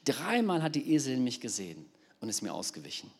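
A man's voice: mid-range voice, huge pitch swings, quick pace, breathy edge, heavily acted. A man voicing a stern angel who confronts a traveller. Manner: stern, commanding. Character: stern angel with a drawn sword. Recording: long reverb of a large hall.

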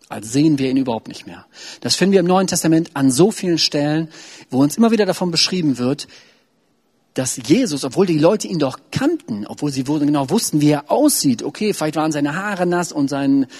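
A man's voice: a little high, darkish tone. A man preaching a sermon in a loose, conversational way, with frequent fillers and restarts.

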